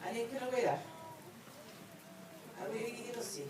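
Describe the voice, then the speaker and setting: A woman leading a graduation ceremony, reciting a declaration slowly, word by word, for the audience to repeat. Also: fairly high pitch, expressive, background noise. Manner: deliberate, word by word, pausing for the crowd. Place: large hall at a graduation ceremony. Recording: echoey hall from far off, with a crowd. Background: audience repeating after her.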